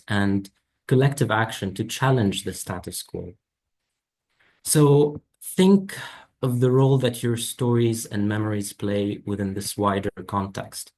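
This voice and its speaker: Low-voiced man moderating a youth webinar. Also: a little mellow. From Lebanon or Syria. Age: young adult. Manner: measured, reflective, occasional fillers. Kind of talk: formal introductory talk. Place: online webinar. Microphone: video call.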